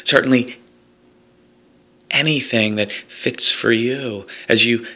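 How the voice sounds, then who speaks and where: A man's voice: medium pitch, steady tone, slow pace, pushed and bright. A man leading a guided hypnosis recording for athletes, speaking in a soothing, repetitive hypnotic way.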